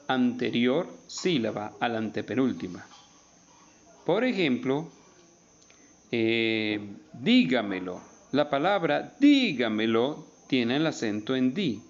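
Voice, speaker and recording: Gravelly man teaching a slow lesson. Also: medium pitch, lo-fi sound. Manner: slow, emphatic word-by-word explanation, stretching out key words. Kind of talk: recorded spelling lesson.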